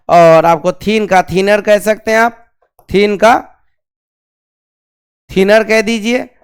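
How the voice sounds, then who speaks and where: Man, grammar teacher, classroom lesson, high voice, smooth and resonant, asks questions and repeats key terms. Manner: drills slowly on key terms.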